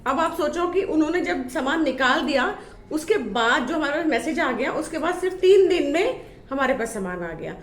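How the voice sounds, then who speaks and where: A woman's voice: high-pitched, expressive, normal speed, echoey room. A woman vlogging casually to camera, chatty and full of fillers, complaining about the poor quality of the items she shows. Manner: showing items while talking. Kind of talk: casual vlog talk to camera.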